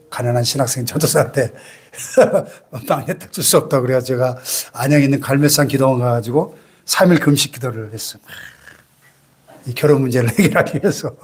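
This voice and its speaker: A man's voice: medium pitch, a little mellow. A man around sixty, a senior pastor preaching a sermon in a church and prodding the congregation with rhetorical questions.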